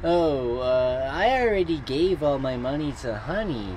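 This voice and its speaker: A woman voicing a gentle, simple-minded big male cat who speaks innocently and dreamily. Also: a bass voice, expressive, unhurried, noisy background. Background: music.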